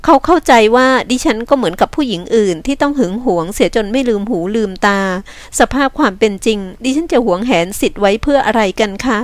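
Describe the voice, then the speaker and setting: A woman's voice: on the high side, a little fast, dry recording, voice pushed up, close to an everyday voice. A woman reading a novel aloud, voicing a distressed young woman who speaks politely and pleads. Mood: bitter. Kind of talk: novel reading with voiced dialogue.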